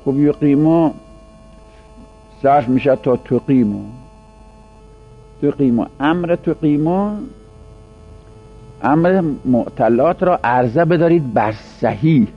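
A man teaching Arabic grammar in a classroom lecture, whose first language is Persian, drawing out the example words slowly. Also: a little high, animated, slightly rough, soft background music. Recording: dull lo-fi recording with mains hum.

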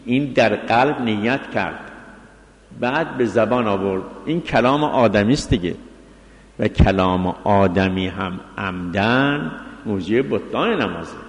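Man lecturing on religious law, hall echo. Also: mid-range voice. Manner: explains point by point, reading Arabic text then glossing it. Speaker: seminary teacher of Islamic law. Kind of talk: jurisprudence lecture.

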